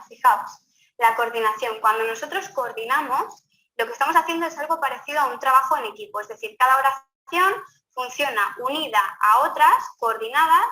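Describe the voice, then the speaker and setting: A woman teaches grammar in a bright, fairly high voice. She speaks straight to her students with patient, explanatory phrasing. The room echoes around her, and a faint hiss sits under the recording. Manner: explanatory, addresses students directly.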